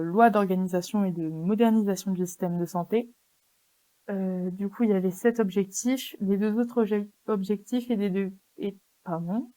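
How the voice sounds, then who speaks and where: A woman's voice: mid-range voice, mellow, low-quality recording. A young woman with a French accent going over exam answers as a student tutor, hesitant, with many fillers and restarts. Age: young adult. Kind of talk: exam correction walkthrough.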